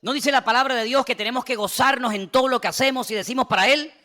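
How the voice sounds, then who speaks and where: A middle-aged man preaching a sermon, with impassioned delivery that swings between loud exhortation and low, quiet passages. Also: fast. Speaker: pastor.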